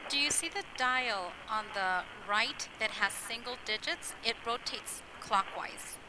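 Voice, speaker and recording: A woman in a scripted customer service role-play, speaking clearly and cheerily as a call centre agent. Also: fairly high pitch, lively intonation, unhurried. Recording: clearly noisy with loud background noise.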